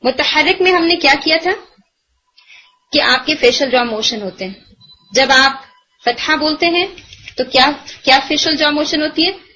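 A woman's voice: high-pitched, pauses often, sharp tone, poor audio. A woman teaching a tajweed lesson in Urdu sprinkled with English terms, patiently explaining and repeating recited words to demonstrate.

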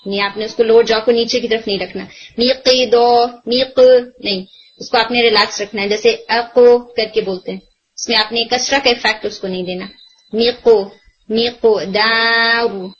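A woman's voice: fairly high pitch, steady tone, highs cut off. A woman teaching a tajweed lesson in Urdu sprinkled with English terms, patiently explaining and repeating recited words to demonstrate.

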